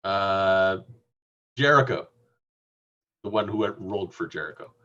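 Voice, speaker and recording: A man's voice: low voice, animated, measured pace, sharp tone. A middle-aged man casually narrating as game master of a tabletop game over a video call. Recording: slightly dull video-call audio.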